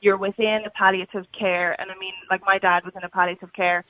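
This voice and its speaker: A woman calling in to a radio debate over a phone line. She speaks earnestly and haltingly, restarting her sentences and filling them with "like" and "you know". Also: mid-range voice, level tone, sharp tone, dry recording. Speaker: radio caller. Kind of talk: call-in debate. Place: calling in by phone, not in the studio.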